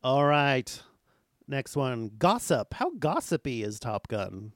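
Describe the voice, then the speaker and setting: A man's voice: medium pitch, big pitch swings, slow pace, fairly bright tone, dry recording, studio quality. A man hosting a casual podcast chat, joking and laughing as he scores a movie by category. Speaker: podcast host.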